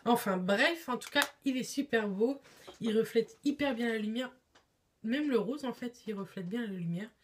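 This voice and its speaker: A woman's voice: a little high, moderate pace, slight background noise. A woman chatting casually on camera in a beauty haul vlog, with lots of hesitations. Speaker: beauty vlogger.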